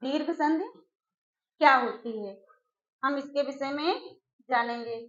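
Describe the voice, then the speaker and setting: A woman teacher giving an exam-prep grammar lesson, slowly repeating key phrases and putting questions to her students. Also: high voice, fairly bright tone. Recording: echoey room, dull lo-fi sound.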